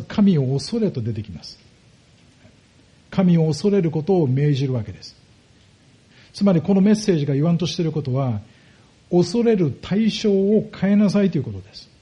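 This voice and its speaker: A pastor preaching a sermon, explaining step by step and putting rhetorical questions to the congregation. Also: male voice, on the high side, warm tone, lo-fi sound.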